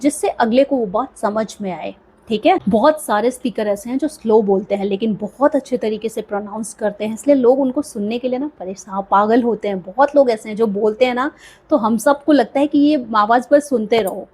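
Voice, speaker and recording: A young woman with a slightly high, husky voice gives encouraging tips on speaking well. She talks to her viewers conversationally and keeps checking in with them as she explains. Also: fairly quick, a little mellow. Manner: encouraging, conversational, frequent "theek hai" check-ins. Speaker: speaking coach, video creator. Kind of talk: motivational tips talk to camera.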